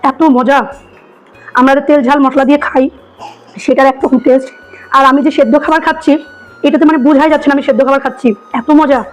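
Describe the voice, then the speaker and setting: A hoarse woman with a cold, chatting enthusiastically as she tastes food for her vlog. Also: high-pitched, steady tone, quick pace, long pauses, soft background music, rough recording. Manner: chatty, enthusiastic, repeats herself. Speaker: food vlogger. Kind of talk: casual food-tasting vlog.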